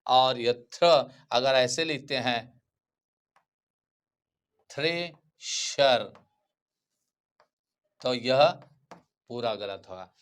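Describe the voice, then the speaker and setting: A man's voice: mid-range voice, unhurried, a bit bright, smooth. A male teacher giving a grammar lecture, who keeps repeating key terms and asking his students questions before answering them himself.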